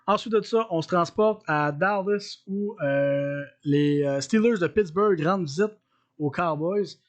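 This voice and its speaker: A man's voice: high voice, unhurried. A man with a Quebec French accent, co-hosting a sports podcast in casual chat, hesitant with many fillers as he analyzes games.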